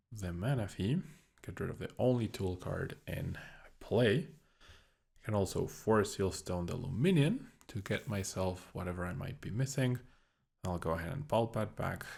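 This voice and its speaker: A man's voice: creaky, darkish tone, breathy edge. A young man casually commentating his own card game as he plays, thinking aloud with a dry, sarcastic streak. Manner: low-key, dryly sarcastic, thinking aloud. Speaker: gameplay commentator.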